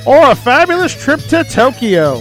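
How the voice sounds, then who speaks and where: Male game show announcer, high register, booming prize reads, emphatic and stretched out, light music underneath. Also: sing-song. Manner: emphatic, projected delivery with drawn-out phrases.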